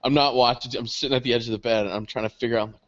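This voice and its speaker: A young man, the podcast co-host, telling a story in casual chat, animated and swearing freely, laughing often. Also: medium pitch, racing. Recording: dull lo-fi podcast audio.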